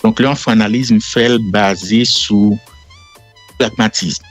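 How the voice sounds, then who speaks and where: A middle-aged Haitian man speaking French with a Haitian accent, explaining himself as a radio guest in a measured way full of fillers. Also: on the low side. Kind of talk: casual radio interview. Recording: faint music in the background.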